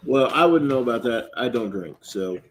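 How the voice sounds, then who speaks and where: A man's voice: medium pitch, expressive, moderate pace. A man in a casual group chat with an ordinary mid-range voice. He delivers corny bar jokes in a loose, easygoing way. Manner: corny joke-teller.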